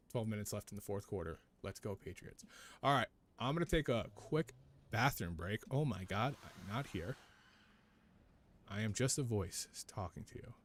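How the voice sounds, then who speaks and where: Chatty male game streamer. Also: medium pitch. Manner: chatty, repeats his own phrases. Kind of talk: casual live gameplay commentary.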